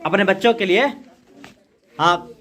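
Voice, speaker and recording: A woman teaching a class, reading a poem slowly line by line, then explaining each line and quizzing the students with quick questions she answers herself. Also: mid-range voice, fairly bright tone. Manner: slows down to recite verse lines.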